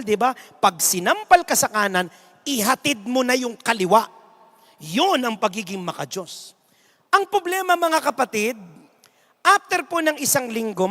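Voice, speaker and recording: A man's voice: extremely high pitch, fairly bright tone. A Filipino man giving a humorous sermon as a lay preacher, telling stories and acting out the people in them. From Philippines. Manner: storytelling with jokes and acted-out quotes. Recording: long hall reverb.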